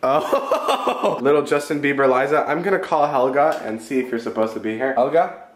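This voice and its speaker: A man's voice: mid-range voice, expressive, moderate pace. A young man vlogging at home in casual chat, playful and giggly, laughing often.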